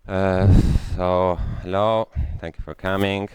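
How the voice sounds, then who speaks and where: In a dry, close recording with little room in it, a young Italian-accented man gives a technical conference talk in a lecture room. His voice is low, deep, smooth and clear, a little mellow, with a flat delivery. He hesitates a lot, pausing on "uh" and restarting sentences.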